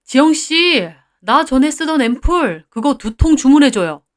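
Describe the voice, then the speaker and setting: A chummy male regular client of a hair-loss care business, friendly and familiar as he places an order, voiced by a woman. The voice is fairly high and easygoing. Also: expressive, measured pace. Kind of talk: read-aloud story dialogue.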